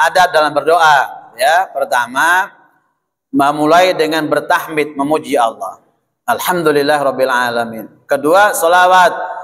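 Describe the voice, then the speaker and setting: A man preaching in a folksy, conversational way, his voice sitting high for a man. He keeps checking in with his listeners as he goes. Long reverb from the mosque hall trails behind each phrase. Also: a bit bright. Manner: folksy, addresses the audience as "Pak", often adds "ya". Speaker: ustadz giving a mosque lecture. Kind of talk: sermon.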